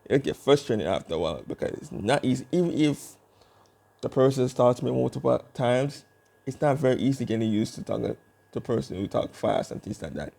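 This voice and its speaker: A young man talking to camera in a casual vlog, rambling with fillers and restarts as he tries to keep his speech slow. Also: mid-range voice, animated, creaky, mellow. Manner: working to speak slowly and deliberately. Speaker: YouTube vlogger.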